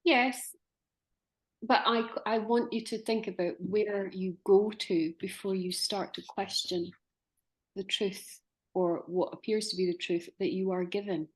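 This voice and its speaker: A woman's voice: mid-range voice, fairly even intonation, unhurried. A woman in her forties hosting a conversation, musing and hesitant as she poses questions. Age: 40s. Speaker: podcast host. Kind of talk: conversational discussion.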